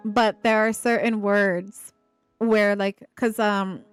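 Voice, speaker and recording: An Ohio woman streams while building, her middle-pitched voice carrying a subtle Appalachian-tinged accent and a slight speech impediment on some words. She chats playfully with viewers in a level tone at a slow pace, teasing back and laughing easily. Her voice is clean over a dry recording, with faint music underneath.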